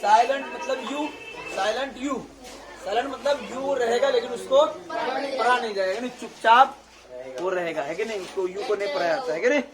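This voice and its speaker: A woman's voice: fairly high pitch, moderate pace, a crowd in the background. A woman teaching a class on English pronunciation. She spells words out letter by letter and keeps asking her students whether they follow. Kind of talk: classroom lesson.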